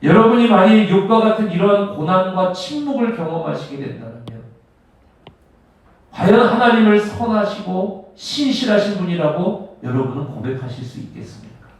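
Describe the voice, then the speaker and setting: High-voiced preaching man in echoey hall. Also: expressive, normal speed, creaky. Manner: emphatic preaching, swings from loud to hushed. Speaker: pastor. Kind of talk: sermon. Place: church sanctuary. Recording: echoey church hall, mic at a distance.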